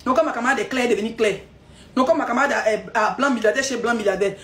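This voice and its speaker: High-voiced mocking woman. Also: fast talker, fairly bright tone. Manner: scolding, mocking, laughs often. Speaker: TikTok live streamer. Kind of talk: mocking live-stream rant.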